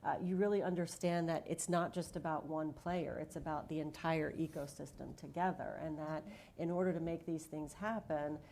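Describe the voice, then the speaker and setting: A woman's voice: low voice, steady tone, normal speed, hardly any pauses, a little mellow, a little hiss or hum. A woman speaking on a conference panel as a diagnostics leader, telling her story earnestly with frequent fillers.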